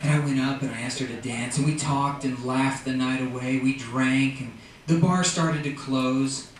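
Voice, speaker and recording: A middle-aged man doing a stand-up comedy routine at a live venue, animated and acting out characters in quick voices. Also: medium pitch. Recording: echoey distant live room mic with noise. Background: audience laughter.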